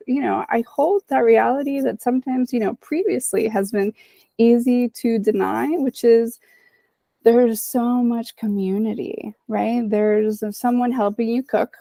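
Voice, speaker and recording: A woman's voice: on the high side, gravelly, mellow, dry recording. A woman in her thirties from the Republic, speaking reflectively as a guest psychologist in a podcast interview. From Dominican Republic. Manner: reflective, often adds "right?" and "you know".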